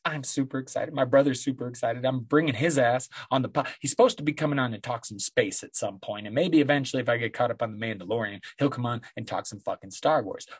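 A middle-aged man with a husky smoker's rasp, chatting casually and rambling solo as a podcast host in a laid-back, sweary way. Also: mid-range voice, fast, hardly any pauses, dry recording.

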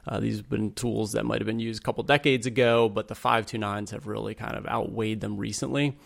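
A podcast host with a medium-pitched voice and vocal fry reads a scripted outro and disclaimer, explaining personal finance in an informal, plain-spoken, conversational way.

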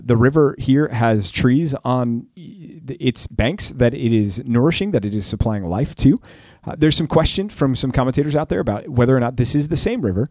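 A man's voice: mid-range voice, warm tone, dry recording, clean studio sound. A man co-hosting a casual, conversational Bible discussion in a playful, bantering manner. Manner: playful, bantering, breaks into snatches of song. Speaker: podcast co-host teaching the Bible.

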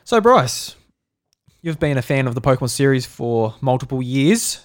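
Joking Australian podcast host. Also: male voice, medium pitch, big pitch swings. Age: 20s. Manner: jokey and teasing, fast asides. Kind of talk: casual chat.

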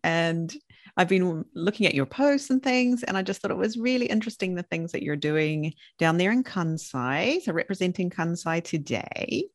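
A chatty, upbeat woman hosts a podcast in a low voice. Her sound is dry and close, with no room around it. She talks casually and warmly with her guest. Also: expressive, moderate pace, no room sound. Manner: chatty and upbeat, with laughs and quoted asides. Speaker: podcast host.

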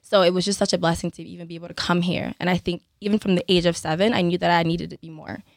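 A young woman from Cameroon, a podcast guest telling her life story in a lively way, laughing often and checking in with "right?". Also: lowish voice, quick pace, creaky, no echo, studio quality. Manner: animated, laughs often, tag questions. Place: podcast studio.

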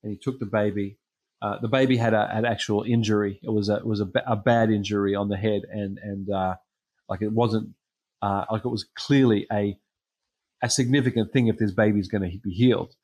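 Preacher, male, lowish voice, unpolished sermon storytelling with ums. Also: fairly even intonation, a little fast, darkish tone. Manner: hesitant storytelling with frequent ums. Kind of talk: sermon with personal stories.

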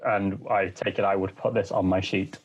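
Low husky man at a game table. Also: level tone, normal speed, highs cut off. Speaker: tabletop role-playing game player. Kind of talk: casual game-table chat.

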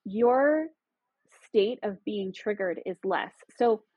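Husky-voiced woman podcast guest. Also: mid-range voice, animated, takes it slowly, no echo, phone-quality sound. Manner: reflective, explanatory. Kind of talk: casual conversation.

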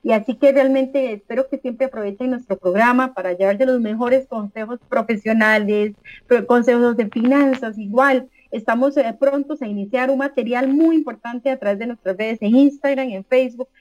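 A Costa Rican woman hosting a radio interview, full of effusive praise and pausing on the filler "este". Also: fairly high pitch, a little mellow, muffled recording. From Costa Rica. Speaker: radio host.

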